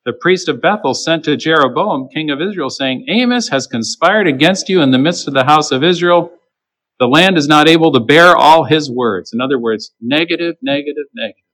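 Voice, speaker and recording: A man's voice: on the high side, brisk, a bit bright, rough recording. A man preaching a sermon, emphatic and acting out the voices of the people he quotes. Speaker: pastor.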